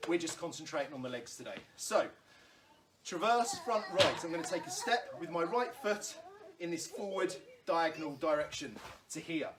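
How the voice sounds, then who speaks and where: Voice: mid-range voice, lively intonation, normal speed, noisy background. Patient stage combat instructor calling drills. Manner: patient, reassuring, explains step by step with light laughs. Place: room at home during lockdown. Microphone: camera in front of a standing speaker.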